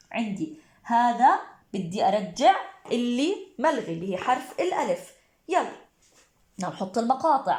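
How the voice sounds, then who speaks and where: A woman teacher with a Levantine Arabic accent, explaining poetic meter to exam students. She asks and answers her own questions and chants syllables slowly. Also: mid-range voice, darkish tone, echoey room.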